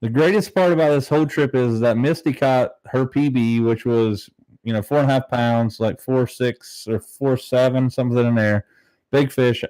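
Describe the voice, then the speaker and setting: A man's voice: mid-range voice, moderate pace, darkish tone, no room sound, low-quality recording. Man chatting casually on a fishing livestream. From southern Ohio, United States. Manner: laid-back, rambling, peppered with "man" and "dude". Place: very small, bare-walled home room used as a studio, slightly echoey.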